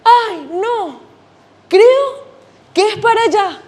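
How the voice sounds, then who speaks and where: A woman's voice: very high-pitched, expressive, extremely slow, darkish tone, voice pushed up, heavily acted. Woman doing a flustered, dithering dad. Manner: dithering, exclaiming. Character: flustered father lost with a paper map.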